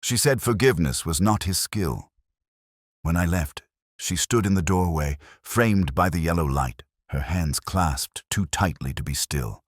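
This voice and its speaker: A man acting a middle-aged police inspector with an extremely deep voice, recorded close and dry. He narrates a detective drama in measured, melancholy, literary sentences, brooding and erudite, with lively rises and falls in pitch. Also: no room sound. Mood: brooding, reflective. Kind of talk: scripted first-person detective narration.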